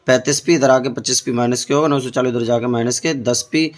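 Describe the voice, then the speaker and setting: A man's voice: medium pitch, steady tone, fast. A male math teacher working through board-exam problems step by step, often putting questions to his students. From India. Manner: explains step by step, keeps asking the students questions. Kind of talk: board-exam tutoring lesson.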